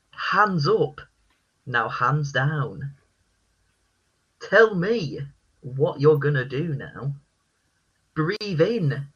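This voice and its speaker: A man hosts a casual podcast quiz, reading each clue in a deliberately deadpan delivery. His voice is bright and a little husky, and the recording sounds dull and lo-fi. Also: fairly high pitch. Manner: reads lyrics in a deadpan voice. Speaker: quiz host.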